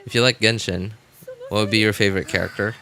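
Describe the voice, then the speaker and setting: Here the man talks fast, his fairly low voice bright and forceful with fairly even intonation. He casually reads and responds to viewer comments during a game livestream, hesitating and repeating phrases as he goes, over background music.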